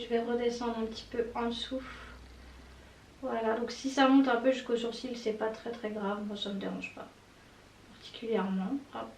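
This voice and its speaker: A woman doing a casual makeup tutorial, chatty and enthusiastic with many fillers and little exclamations. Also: on the high side. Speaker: beauty vlogger. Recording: roomy echo, mic at a distance, faint noise.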